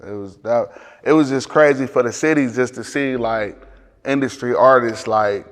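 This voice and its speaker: Male, Detroit accent, mid-range pitch, loose profane street slang, casual interview chat in a reverberant space. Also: normal speed. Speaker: music producer, interview guest.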